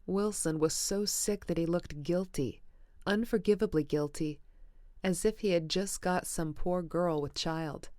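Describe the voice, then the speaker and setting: A woman reading an audiobook in a measured, even way. Her voice sits low and smooth, and the recording is dry and close. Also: dry recording. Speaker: audiobook narrator. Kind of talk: audiobook narration.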